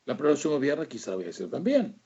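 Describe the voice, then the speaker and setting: Un rabino dando un sermón, hablando directo a los oyentes con énfasis retórico y frenando en las palabras clave. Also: male voice, fairly high pitch, huge pitch swings, quick pace, mellow, husky, highs cut off. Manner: rhetorical, addresses listeners directly. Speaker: rabbi. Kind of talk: sermon on the weekly Torah portion.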